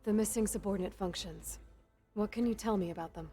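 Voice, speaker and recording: In this game clip with music, a young woman plays a determined young huntress who asks pointed, direct questions in a steady way. Her medium-pitched voice has a dark tone yet stays close to how she'd normally talk, and she goes a little fast.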